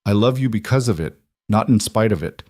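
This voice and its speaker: Guy reading an earnest gentle single dad, low dry voice. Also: expressive, brisk, no room sound. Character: earnest single father, quietly devoted.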